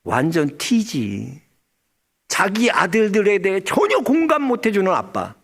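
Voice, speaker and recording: Animated high-voiced Korean pastor. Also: male voice, measured pace, gravelly. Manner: animated storytelling, acts out dialogue, addresses congregation directly. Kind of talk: sermon.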